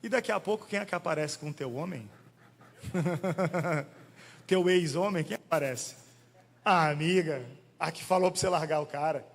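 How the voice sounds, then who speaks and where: A male pastor preaching a sermon in an animated, conversational way, firing questions at the congregation. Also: on the high side, moderate pace, long pauses. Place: church hall. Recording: long church hall reverb.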